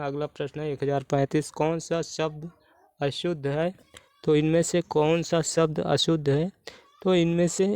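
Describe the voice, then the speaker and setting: A male Hindi exam-prep teacher takes spelling questions methodically, restating the answer each time. The close, dry recording carries no echo, and his smooth, clear voice sits fairly high with a flat, even delivery.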